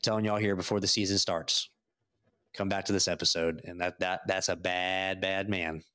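Casual male podcast guest from Texas, low-pitched, rambles through fillers and restarts about hockey. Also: level tone, normal speed, pushed and bright, clean tone. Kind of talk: casual sports chat.

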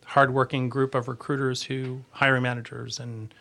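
A man giving a conversational podcast interview as an agency leader, earnest and halting, often rephrasing as he goes. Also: medium pitch, level tone, vocal fry, sharp tone.

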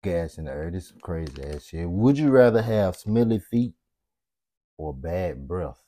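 A man hosting a casual podcast, tossing out silly questions in a loose, profane, slangy way. His voice sits low. The recording is dry and close. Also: sing-song, normal speed, mellow, dry recording. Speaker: podcast host. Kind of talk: casual chat.

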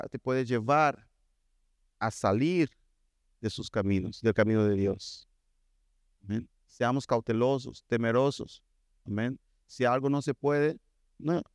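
A man's voice: mid-range voice, clean tone, dry recording, clean studio sound. A man preaching a sermon, urging his congregation with repeated calls and refrains. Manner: exhorting, repetitive calls to the congregation. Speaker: pastor.

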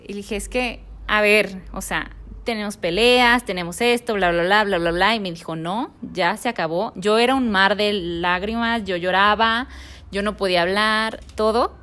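A woman's voice: mid-range voice, moderate pace, pushed and bright, clean tone. Mexican woman telling a personal story. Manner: acts out the quoted dialogue in her story.

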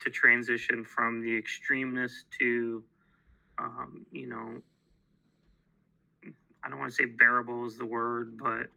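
A man co-hosting a podcast, a bereaved father speaking haltingly and reflectively about grief. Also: medium pitch, flat delivery, creaky, pushed and bright, rough recording. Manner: halting, with restarts and fillers, searching for words.

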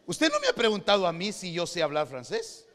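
A man from Guatemala with a Guatemalan Spanish accent, preaching a sermon and swinging between quiet asides and shouted preaching. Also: high-pitched, wildly swooping pitch, brisk, long reverb tail.

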